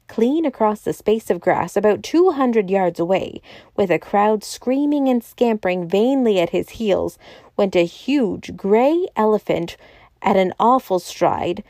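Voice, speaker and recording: A woman narrating a novel aloud in a steady, measured reading. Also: medium pitch, no echo. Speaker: audiobook narrator. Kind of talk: scripted narration.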